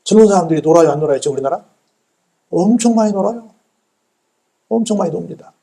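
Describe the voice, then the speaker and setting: Pastor, male, gravelly and somewhat high, sermon delivery, answers his own rhetorical questions. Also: expressive, quick pace, dark tone. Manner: asks rhetorical questions and answers them himself; repeats phrases for emphasis. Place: church sanctuary.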